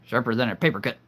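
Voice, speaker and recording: A man with a mid-range, fairly bright voice hosts a live stream, rambling casually to his viewers. He keeps tossing out cheesy jokes and puns.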